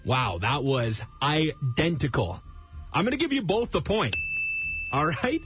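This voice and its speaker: A man's voice: on the high side, big pitch swings, a little slow. A man hosting a radio prize contest in an upbeat, exclamatory, chatty game-show style. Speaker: radio host running a phone-in prize contest. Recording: dull radio broadcast, music behind. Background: music bed.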